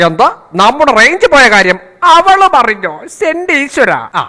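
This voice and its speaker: A pompous, bumbling king, played by a man, speaks in a very high, bright voice. He swings his pitch all over while delivering puns in a comedy skit. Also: very animated, normal speed. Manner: pompous, punning, exaggerated. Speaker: comic performer playing a king.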